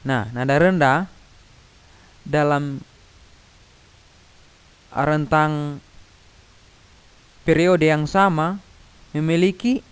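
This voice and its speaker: A middle-aged man, patiently explaining a physics lesson to children, pausing and singing note names to demonstrate. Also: fairly high pitch, steady tone, clean tone. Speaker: teacher.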